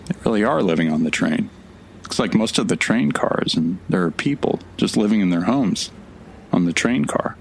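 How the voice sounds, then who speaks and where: A man as a gravelly, baffled newcomer. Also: on the low side, expressive, moderate pace, a little hiss or hum. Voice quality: nervous, sarcastic, flustered. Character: bewildered, awkward young man newly arrived. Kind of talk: audio drama acting.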